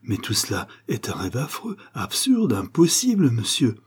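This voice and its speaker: A man reading an audiobook, voicing a countess who pleads in distress, in a raised, husky voice. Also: lowish voice, expressive, a little fast, mellow. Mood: distraught. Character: anguished noble countess, grown woman, devoted wife.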